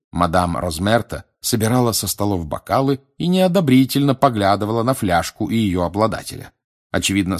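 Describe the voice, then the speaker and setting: A man narrating an audiobook in a steady, expressive storytelling manner. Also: deep voice. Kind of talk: audiobook reading.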